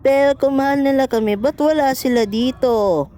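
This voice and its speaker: A man's voice: very high voice, moderate pace, dark tone, slight background noise, voice pushed up. A man voicing an innocent, polite and eager young child in an amateur cartoon dub. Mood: earnest.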